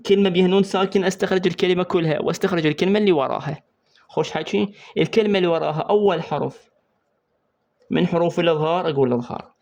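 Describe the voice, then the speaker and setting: A man with an Iraqi Arabic accent teaching an exam-prep lesson on Quran recitation rules. He quizzes the student and repeats key points slowly while writing on a board. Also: fairly high pitch, vocal fry, darkish tone. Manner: writes on a board while explaining.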